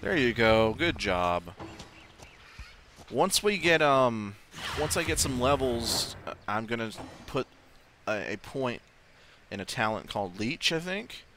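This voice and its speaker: A man's voice: fairly low pitch, expressive, a little slow, pushed and bright, a little hiss or hum. A man giving casual let's-play commentary, thinking aloud and swearing offhandedly. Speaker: gaming video host. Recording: faint game sound behind voice. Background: video game ambience.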